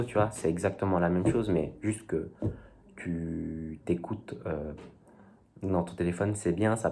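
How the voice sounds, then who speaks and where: A man's voice: sits low, mellow, slight background noise. A young man talking casually to his viewers, rambling and hesitant, full of fillers and youthful slang. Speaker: vlogger. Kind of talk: casual talk to camera.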